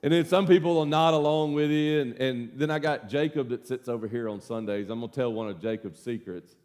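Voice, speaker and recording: A man's voice: medium pitch, a little fast, darkish tone. A middle-aged man teaching a casual Bible study as pastor, a folksy, self-deprecating storyteller.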